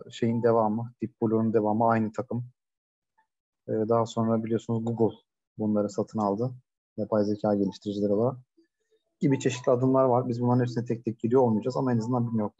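A man's voice: mid-range voice, warm tone, highs cut off. A man giving a casual online lecture from a shared coworking space, talking conversationally with many hesitations and fillers. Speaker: webinar presenter.

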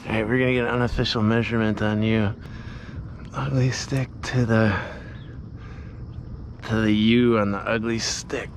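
A man vlogging while fishing at a creek outdoors, excitable and laughing often as he explains his catch. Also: fairly low pitch, normal speed, long pauses. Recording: outdoor noise in background.

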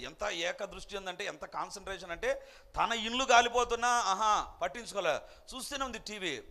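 A man's voice: high-pitched, pushed and bright. A male pastor preaching a sermon, telling stories with animation and building to emphatic exhortation.

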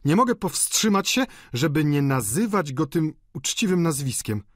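A man reading an audiobook voices a fretful, wailing middle-aged landlady in a high, pleading voice. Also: big pitch swings, normal speed, no room sound, studio quality. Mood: distraught.

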